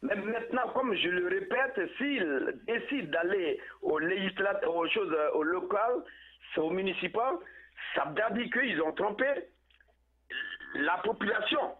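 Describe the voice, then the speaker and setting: A man calling in over a poor phone connection, giving political commentary in a halting way and repeating words as he searches for them. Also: high voice, lively intonation. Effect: tinny phone line with poor connection. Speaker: phone-in caller. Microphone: telephone. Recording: tinny phone line.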